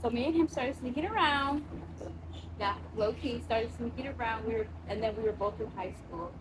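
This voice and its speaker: Speaking as a guest, this young woman from Samoa narrates casually and energetically, swearing often and mimicking how others talk. Her pitch is a touch high and her pace moderate, while a steady hum lingers in the room behind her.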